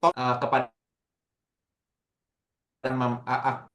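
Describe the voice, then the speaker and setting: A man's voice: mid-range voice, completely flat delivery, very slow, fairly bright tone, muffled recording. Man, lecturer on a video call, choppy audio cutting out, roomy echo, rambling questions. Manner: rambling, long-winded questioning. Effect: choppy audio breaking up over a bad call connection. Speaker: university lecturer asking questions in an online workshop. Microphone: computer mic on a video call. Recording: echoey room over a video call.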